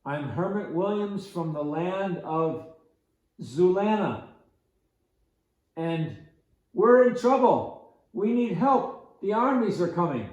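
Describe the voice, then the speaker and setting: A man's voice: high-pitched, very animated, slow pace, pauses often, darkish tone, very echoey, lo-fi sound, pitched above the performer's own voice, exaggerated voice. A man voicing an old male hermit, pleading urgently for help in a storybook tale.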